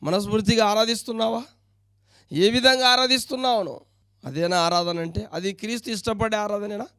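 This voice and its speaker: Male pastor, high clear voice, dry close recording, sermon full of rhetorical questions. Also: pushed and bright, no echo. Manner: preaching with rapid rhetorical questions, reading scripture aloud.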